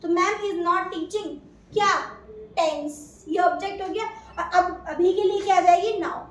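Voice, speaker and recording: A woman's voice: extremely high pitch, steady tone, a little slow, far from the mic. A woman with an Indian accent teaching an English grammar class, asking questions and answering them herself. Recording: echoey room, voice from afar, faint noise.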